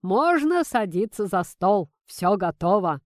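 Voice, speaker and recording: A jovial grandfather calls out in a hearty, grumbling way, as a woman reads him in a storybook. The voice is lifted and louder than the reader's own. It is recorded close and dry. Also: medium pitch, very animated, takes it slowly, no room sound.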